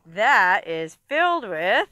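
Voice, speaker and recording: Talking to her handheld camera, this thirties woman narrates her trip around the outdoors and into an old mine, excitable and quick to marvel. She speaks at medium pitch and a slow pace, in a dry recording.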